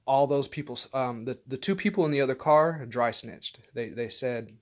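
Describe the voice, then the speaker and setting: A man of middle pitch tells a personal story straight to the camera. His delivery is loose and rambling, full of fillers, restarts and frequent profanity. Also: normal speed. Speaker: vlogger.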